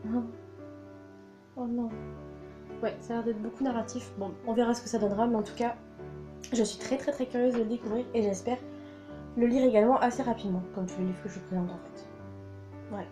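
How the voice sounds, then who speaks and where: Soft music plays as an excited book vlogger chats through her latest purchases, leaning on fillers and saying words over and over. She speaks a little fast with a fairly high, fairly even voice and pauses often.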